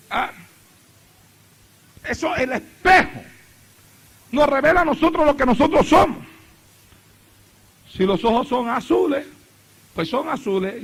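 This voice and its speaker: A man's voice: very high voice, creaky, fairly bright tone, slightly rough. A middle-aged man preaching a sermon as pastor, repeating phrases with rising fervor. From Puerto Rico.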